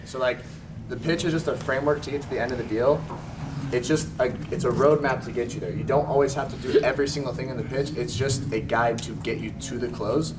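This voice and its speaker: A man's voice: mid-range voice, steady tone, fast talker. Casual man, distant, with room noise. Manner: casual, many fillers like "like". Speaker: sales trainer. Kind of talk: adding to a training talk.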